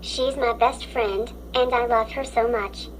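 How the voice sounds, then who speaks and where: A woman's voice: on the high side, steady tone, a little slow, slight background noise, poor audio. A synthetic woman's voice with a robotic text-to-speech sound, reading children's stories aloud in a stiff, mechanical way. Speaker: story app narrator.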